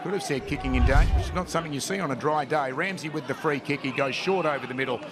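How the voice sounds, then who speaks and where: A man's voice: fairly high pitch, fast talker. An Australian male commentator giving a running, descriptive play-by-play of live football. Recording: crowd and noise behind live commentary. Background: crowd at outdoor ground.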